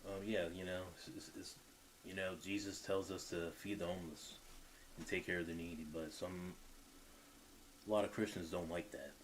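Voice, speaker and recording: A man with a very low voice talks through a live stream in a loose, halting way, filling gaps with ums. His speech is plain-spoken and unpolished, and a faint background noise sits under it. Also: fairly even intonation, poor audio. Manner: hesitant, many fillers, plain-spoken. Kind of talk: casual commentary.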